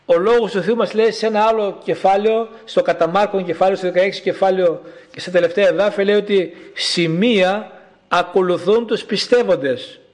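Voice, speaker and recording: High-voiced preacher man. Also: steady tone. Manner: slow, emphatic preaching with repeated calls. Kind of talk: sermon.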